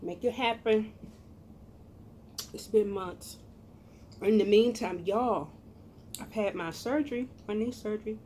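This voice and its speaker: A middle-aged American woman chatting casually to viewers as a cooking vlogger, with a folksy, expressive, emphatic manner. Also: mid-range voice, a little slow, pauses often, slight background noise.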